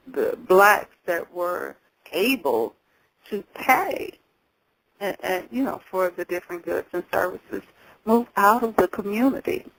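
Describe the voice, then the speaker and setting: A woman hosting a talk show, losing her voice, speaking haltingly and repeating words as she thinks. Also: mid-range voice, creaky, a bit bright, no room sound, poor audio. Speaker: host. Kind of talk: talk on community history.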